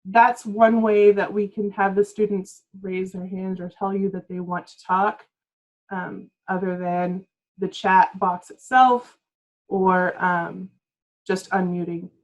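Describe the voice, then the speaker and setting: A woman presents a training session over a video call. She explains each step patiently and casually, checking whether everyone is following. Her voice sits at an ordinary middle pitch. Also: steady tone, slow pace, poor audio. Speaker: workshop presenter.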